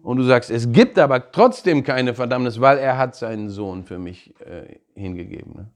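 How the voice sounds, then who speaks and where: Male pastor, mid pitch, lively sermon delivery that acts out the voices he quotes. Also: normal speed. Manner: animated preaching, laughs, acts out quoted voices.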